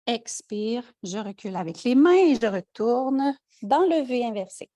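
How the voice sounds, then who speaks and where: A woman with a Quebec French accent, teaching a yoga class with calm step-by-step cues and light joking asides. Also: a little high, a little slow, dry recording. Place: yoga studio.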